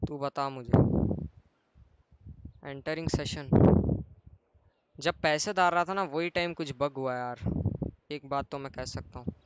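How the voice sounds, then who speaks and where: A man's voice: on the high side, takes it slowly, long pauses, dull audio, noisy background. A man livestreaming a game, bantering loosely and playing a car dealer in roleplay. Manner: loose, joking, slangy banter. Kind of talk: casual livestream chat and roleplay.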